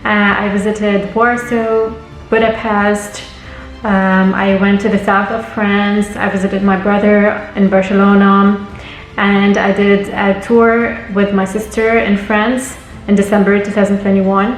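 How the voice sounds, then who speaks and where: A woman's voice: mid-range voice, level tone, measured pace, reverberant, faint music behind, rough recording. A young woman from Lebanon giving travel tips in a friendly, explanatory scripted vlog. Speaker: travel vlogger.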